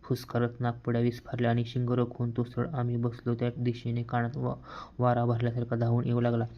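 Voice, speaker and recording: A man reads a novel aloud as the first-person narrator, keeping a steady, even storytelling pace. His pitch barely moves, so the delivery sounds almost monotone. The recording is dull and slightly lo-fi. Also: a little fast. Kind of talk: audiobook reading of a novel.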